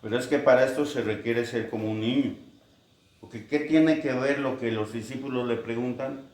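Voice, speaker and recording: A man's voice: medium pitch, steady tone, normal speed, darkish tone. A man preaching a sermon, telling stories and acting out quoted voices. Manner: storytelling with acted-out quotes. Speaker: pastor. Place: church. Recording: echoey church hall.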